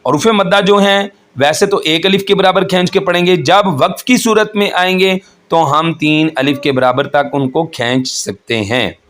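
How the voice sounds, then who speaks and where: A man teaching Quran recitation rules, explaining each point slowly and patiently and chanting the verses in a melodic voice. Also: on the high side, fairly bright tone. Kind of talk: tajweed lesson with chanted recitation.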